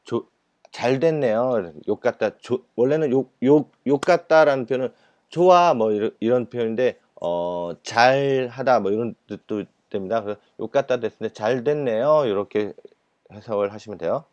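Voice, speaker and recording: A man's voice: mid-range voice, moderate pace, darkish tone, no echo, lo-fi sound. A man teaching Japanese in a recorded lecture, explaining patiently with many fillers and repeated words. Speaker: Japanese language instructor.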